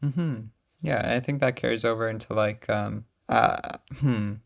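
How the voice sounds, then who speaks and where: A man's voice: mid-range voice, unhurried, creaky. A young man hosting a casual podcast, talking in an upbeat, playful and encouraging way. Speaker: podcast host.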